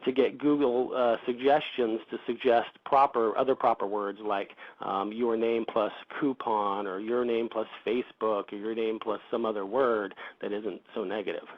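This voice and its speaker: A man's voice: lowish voice, level tone, normal speed, few pauses. A man answering interview questions about his business, speaking hesitantly with many fillers and restarts. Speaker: reputation management company founder. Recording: dull lo-fi audio.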